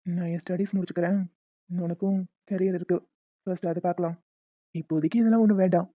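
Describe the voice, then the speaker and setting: A woman voicing a calm, soft-spoken young man in an audio drama. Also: mid-range voice, racing, dry recording, natural voice. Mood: gentle. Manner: quiet and restrained. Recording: dry, dull lo-fi mic.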